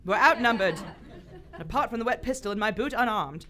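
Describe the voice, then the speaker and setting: A woman's voice: fairly high pitch, expressive, brisk, sharp tone. A woman playing a reckless aristocratic lady adventurer in live radio theater, flippant, defiant and haughty. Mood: wry.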